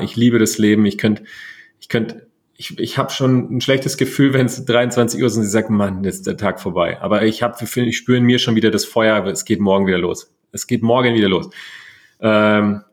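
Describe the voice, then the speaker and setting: A man co-hosting a casual coaching chat, talking in animated bursts and listing things in quick runs. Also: mid-range voice. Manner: German. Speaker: podcast co-host.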